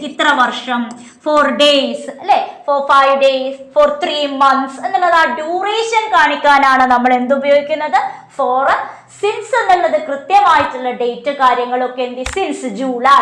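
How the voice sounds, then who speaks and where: A woman teaching an exam coaching class. She poses questions and answers them herself, reading slowly and explaining quickly. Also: high-pitched, fairly bright tone, reverberant. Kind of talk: online class lecture.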